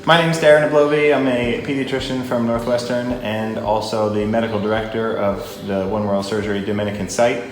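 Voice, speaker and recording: A man's voice: lowish voice, steady tone, a little fast, hardly any pauses. A man, a pediatrician, giving a friendly, formal event introduction. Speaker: pediatrician, medical director. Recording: echoey room.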